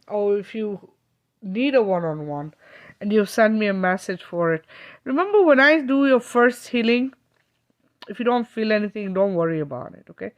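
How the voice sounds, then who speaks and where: A woman from Kenya, a spiritual healer hosting a live stream, chatting casually and reassuringly with viewers and often checking in with "okay?". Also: mid-range voice.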